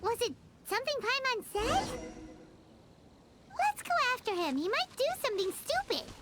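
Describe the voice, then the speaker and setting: A woman voicing a tiny, excitable, bossy fairy companion in a video game, with a squeaky childlike voice and an exclamatory manner. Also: normal speed. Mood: indignant. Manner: speaks of herself in third person, exclamatory. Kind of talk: English video game voice acting. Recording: loud background music. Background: game music.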